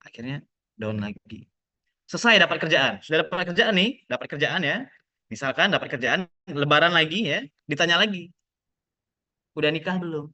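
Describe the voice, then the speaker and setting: Bright-voiced young male lecturer joking. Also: a little high, lively intonation, normal speed. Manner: joking, acts out relatives' questions. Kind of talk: casual online lecture. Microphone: video call.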